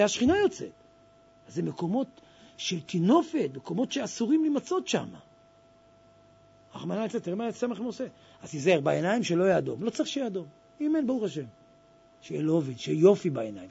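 Fervent high-voiced preacher man, gravelly and husky. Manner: fervent, exhorting, swings from hushed to loud. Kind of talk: sermon. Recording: dull lo-fi recording.

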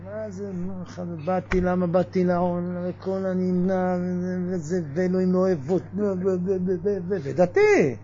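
A man giving a lively religious sermon, firing off mocking rhetorical questions. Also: high voice, few pauses, dull audio, a little hiss or hum. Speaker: preacher.

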